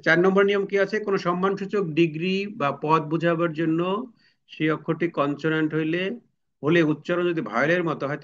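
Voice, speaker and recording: A man with a somewhat high voice teaches an exam-prep grammar lesson. He works step by step, repeats each example and keeps asking the class questions. The recording sounds dull and lo-fi. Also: a bit bright.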